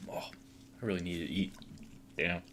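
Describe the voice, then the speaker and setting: A man's voice: low voice, moderate pace, noisy background. A man running a tabletop game online, talking casually over voice chat from a computer mic. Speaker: game master.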